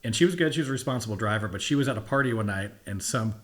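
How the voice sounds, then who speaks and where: A man in his forties telling stories in a relaxed, rambling way, often repeating "yeah, yeah". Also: fairly low pitch, racing. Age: 40s. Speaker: podcast guest. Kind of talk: casual storytelling chat.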